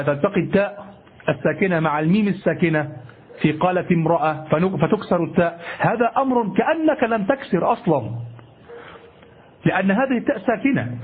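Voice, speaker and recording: A man teaching an Arabic grammar lesson to a class. He repeats key phrases slowly and checks in with his students as he goes. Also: high-pitched, slightly rough. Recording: muffled lo-fi lecture recording.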